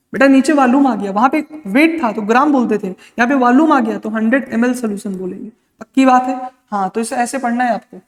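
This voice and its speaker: A male chemistry teacher giving an exam-prep lecture. He asks questions and answers them himself, calls the students "beta", and mixes English terms into his talk. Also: extremely high pitch. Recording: long reverb, echoey room.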